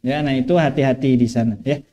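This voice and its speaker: A man's voice: medium pitch, fairly even intonation, fast talker, mellow, lo-fi sound. A man teaching Quran recitation in a mosque, drawing out phrases and patiently correcting pronunciation. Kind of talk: tajweed lesson with recitation.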